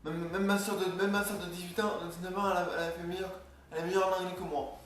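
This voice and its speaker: A man's voice: sits high, flat delivery, fast talker, a bit bright. A young man casually vlogging, rambling and joking while reading from his notes. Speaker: video creator. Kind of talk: casual vlog talk. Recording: echoey room, far from mic, faint noise.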